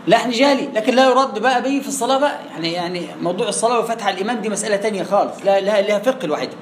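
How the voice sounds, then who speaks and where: In a classroom lesson, a man with an Egyptian Arabic accent teaches Quran recitation, drilling pronunciation and posing questions he answers himself. His high voice races along with lively intonation. The room is echoey, with faint background noise.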